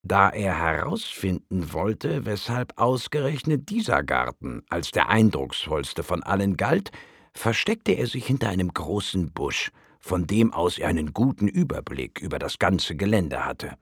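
A man calmly reading a story aloud, in a measured storytelling manner. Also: deep voice, slightly rough, no room sound, clean studio sound. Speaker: narrator.

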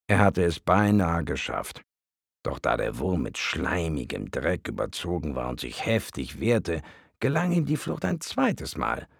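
A man reads an audiobook story in an extremely deep voice with a gravelly, creaky edge. His delivery is measured but expressive, moving widely in pitch. The recording is dry and close, with no room sound. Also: no room sound. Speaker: audiobook narrator. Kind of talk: calm storybook narration.

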